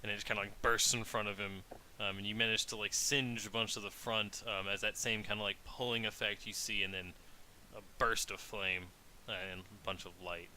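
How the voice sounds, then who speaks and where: A man with a low, sharply bright voice narrates a tabletop game as the dungeon master. He rambles in a relaxed way, full of ums and likes. A faint hiss runs under the recording. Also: brisk, poor audio. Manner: relaxed, rambling with many fillers.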